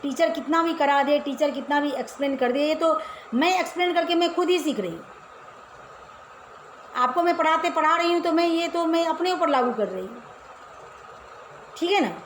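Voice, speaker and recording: A woman's voice: sits high, normal speed, pauses often, slight background noise. A woman teacher giving a casual class to children, explaining step by step and often asking the pupils questions. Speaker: Hindi teacher. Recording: echoey room with faint ambience.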